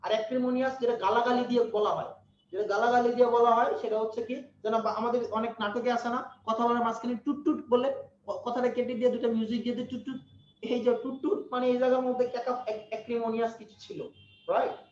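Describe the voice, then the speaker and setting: A man's voice: very high voice, flat delivery, quick pace, slight background noise. A man teaching an English lesson online, repeating each point and quizzing his listeners again and again. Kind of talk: online lecture. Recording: echoey, muffled, from afar.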